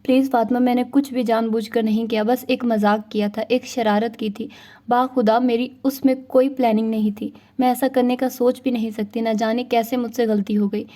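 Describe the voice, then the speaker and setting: A woman's voice: a little high, little pitch movement, moderate pace, dark tone, natural voice. A woman narrator voicing an earnest young woman who pleads with her friend for forgiveness. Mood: pleading.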